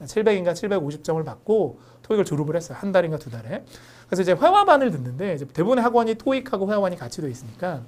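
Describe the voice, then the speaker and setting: A young woman teaching an online English class, talking fast and telling stories as she explains. Her voice sits low and swings widely as she goes. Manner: lively storytelling explanation. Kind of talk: online lecture.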